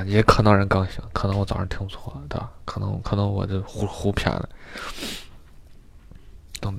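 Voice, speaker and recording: A man's voice: lowish voice, creaky, a little mellow. A man telling a story in a rambling, casual way, repeating words often. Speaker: vlogger.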